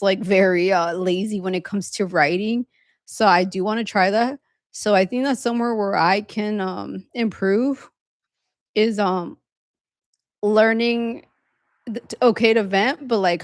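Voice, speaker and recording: A woman in her thirties co-hosting a podcast, talking casually in long, quick run-on stretches with few pauses. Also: medium pitch, no echo, studio quality. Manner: fast, run-on venting talk with few pauses. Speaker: podcast co-host. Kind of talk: casual conversation.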